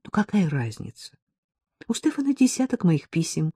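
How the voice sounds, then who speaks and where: A woman's voice: on the low side, very animated, normal speed, mellow, slightly rough, dry recording, clean studio sound. A woman voicing an impulsive, wealthy young woman who pleads and coaxes, then turns defiant, in an audiobook. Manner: pleading and coaxing, flares up defiantly.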